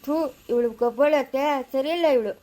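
A woman's voice: high voice, fairly quick, warm tone, natural voice. A woman with a rural Chikkaballapura Kannada accent playing a young village woman gossiping scornfully about a relative.

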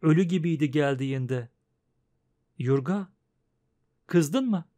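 A man voicing a gentle, anxious farmer's wife who speaks softly and pleadingly, in an audiobook. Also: high voice, expressive, normal speed. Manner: soft, pleading and coaxing.

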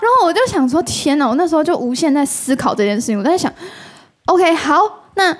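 High-voiced Taiwanese Mandarin woman. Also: fast, faint music behind. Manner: animated, acts out quoted dialogue. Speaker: talk show guest. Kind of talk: casual storytelling.

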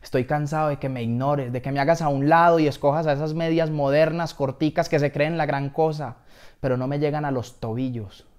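A man voicing an angry male sock who leads a gang, menacing and yelling accusations. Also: on the high side, steady tone, brisk, lightly acted.

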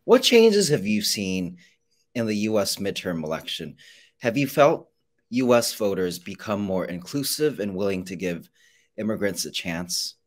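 A young man interviewing a guest over a video call, asking formal news questions in a measured way with frequent ums. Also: on the low side, big pitch swings.

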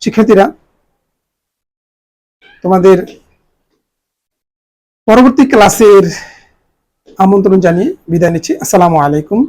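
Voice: mid-range voice, moderate pace, pauses often, darkish tone, low-quality recording. A teacher giving a grammar lesson, spelling out each word letter by letter and repeating it for the students.

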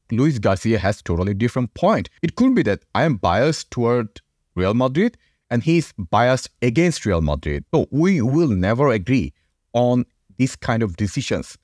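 A man's voice: mid-range voice, a little mellow, no room sound. A young man hosting a fan channel, giving casual reaction commentary into a podcast mic in a small home studio. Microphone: podcast mic on a boom.

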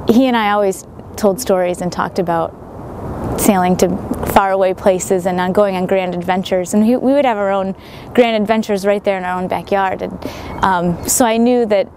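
A woman's voice: mid-range voice, steady tone, normal speed, a little mellow, a little hiss or hum. A young woman in her twenties, a sailor and writer, giving reflective interview answers outdoors at a marina, with many fillers and restarts.

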